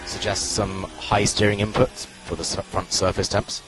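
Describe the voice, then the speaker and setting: A man working as a race engineer on team radio, giving calm, clipped spotter-style instructions and repeating key calls. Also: on the low side, moderate pace, low-quality recording. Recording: radio transmission with loud music behind.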